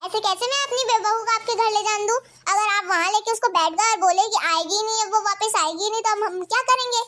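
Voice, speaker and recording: A woman's voice: very high voice, brisk, hardly any pauses, a bit bright. A woman playing a firm middle-aged mother-in-law in a family skit, scolding and refusing to let her household split. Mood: complaining. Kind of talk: Hindi family skit acting.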